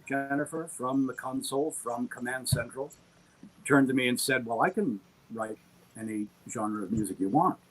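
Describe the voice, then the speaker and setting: The interviewee, a middle-aged audio drama producer on an online call, has a mid-range, fairly bright voice. He talks in a keen, wandering, self-deprecating storytelling manner, and the recording quality is low.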